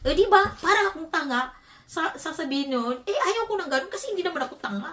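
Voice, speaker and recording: Filipina woman vlogging, high voice, emphatic and lively, mic a bit far off. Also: quick pace. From Philippines. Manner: animated, emphatic, laughs often while telling. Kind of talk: casual storytelling.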